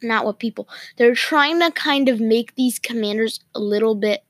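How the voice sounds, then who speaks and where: A woman hosting her podcast, talking casually with the hiccups, pausing often and halting between phrases. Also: a little high, no echo. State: has the hiccups. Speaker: podcast host. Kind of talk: casual solo podcast talk.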